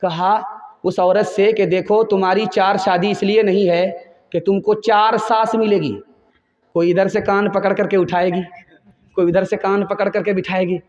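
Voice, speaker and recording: High-voiced Indian Urdu-speaking preacher. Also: male voice, level tone, a little mellow, reverberant, highs cut off. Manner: emphatic storytelling, urging listeners to pay attention. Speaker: Islamic preacher. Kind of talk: sermon with parables.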